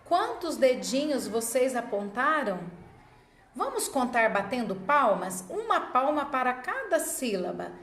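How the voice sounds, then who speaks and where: Slow, deliberate woman teacher, echoey room. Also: high-pitched, sing-song, a bit bright. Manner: demonstrates classroom chanting, slow and deliberate. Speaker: literacy teacher. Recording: echoey room with faint ambience.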